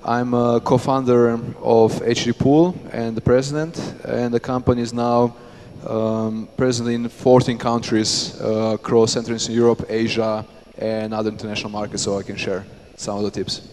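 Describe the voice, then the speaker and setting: List: man from Slovenia, panelist, measured, hall reverb. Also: medium pitch, flat delivery, a little mellow. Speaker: panelist, company co-founder. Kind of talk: panel introduction. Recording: echoey hall.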